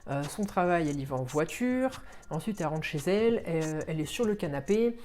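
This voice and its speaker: A man's voice: fairly high pitch, animated, a little fast, darkish tone, slight background noise. A man, a fitness coach, explaining things in an informal way, talking straight to the viewer while he walks. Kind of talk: casual explainer video.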